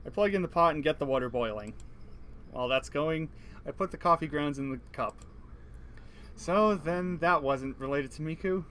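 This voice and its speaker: A man's voice: fairly high pitch, moderate pace, fairly bright tone, slight background noise. Man reading game text with jokey asides. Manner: reads narration evenly, then jokes and laughs between lines. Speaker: let's play co-host reading game text. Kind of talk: reading a visual novel aloud with commentary.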